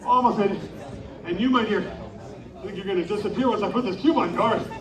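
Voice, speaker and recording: High-voiced guy hyping up a crowd at a carnival show, echoey and far off, crowd noise all around. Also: quick pace. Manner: animated, coaxing crowd call-and-response. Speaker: children's show performer. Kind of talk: live interactive stage show. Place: outdoor winter carnival stage. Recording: echoey, distant live recording with crowd.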